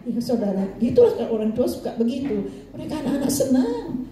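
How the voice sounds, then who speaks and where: A woman's voice: high-pitched, big pitch swings, quick pace, distant mic, a crowd in the background. An older woman pastor preaching a storytelling sermon, chatty and often turning to speak straight to her congregation. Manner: chatty, keeps addressing the congregation. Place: church hall. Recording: roomy echo, voice from off-mic.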